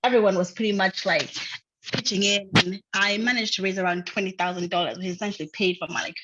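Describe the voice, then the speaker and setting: A young woman from Uganda talks over a video call, loose and chatty, with plenty of fillers. Her pitch sits in the middle of the range. The call audio is dull and lo-fi. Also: fast, background noise. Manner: chatty, many fillers, laughs often. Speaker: filmmaker guest.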